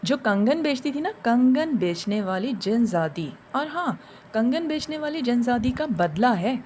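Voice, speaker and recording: A woman's voice: fairly high pitch, expressive, darkish tone, slight background noise, natural voice. A woman voicing a vengeful young female jinn bride, speaking in a taunting, menacing way. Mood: mocking.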